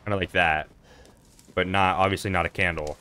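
A man giving casual let's-play commentary while gaming, expressive and freely cursing. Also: sits low, a little fast, slight background noise. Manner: expressive, profane, excitable. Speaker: gaming streamer.

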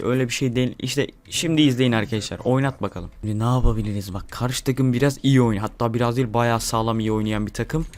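A young man hosting a gaming channel, giving excitable live commentary while he plays, swearing and talking to his viewers. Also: mid-range voice.

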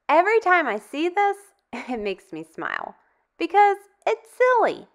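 A storytime host with a high, lively voice reads aloud to young children. She is animated and expressive, phrasing deliberately and dropping into dramatic hushes.

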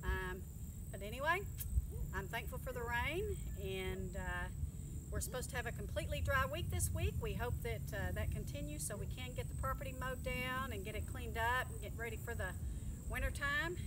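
Middle-aged woman, folksy, chatty, outdoor vlog, phone mic, fairly high voice, windy yard noise. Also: expressive, normal speed. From North Texas. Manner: chatty, folksy, talks straight to viewers while working outdoors. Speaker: gardening vlogger. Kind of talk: casual vlog walk-through. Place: outdoors in a rural yard and garden. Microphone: phone camera held or close by.

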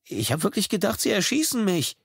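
A man doing a scared teenage pizza delivery boy, pitched well above his own voice, pleading breathlessly. The audiobook voice is close and dry. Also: sing-song, a little slow, vocal fry, breathy edge, no room sound, exaggerated voice. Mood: frightened. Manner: high, frightened, breathless pleading.

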